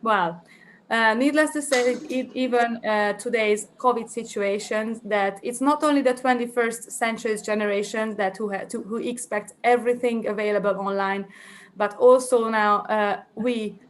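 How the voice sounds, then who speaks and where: A Hungarian woman with a slightly high voice speaks at normal speed in a steady tone while presenting at an academic conference. She thinks aloud hesitantly, with frequent fillers and restarts.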